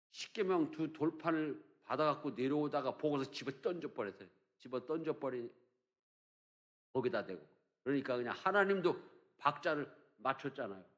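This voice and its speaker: An older man preaching a sermon as pastor, telling stories and acting out children's teasing, with emphatic rises on key points. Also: fairly high pitch. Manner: storytelling, acting out children's teasing in a sing-song voice. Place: church sanctuary.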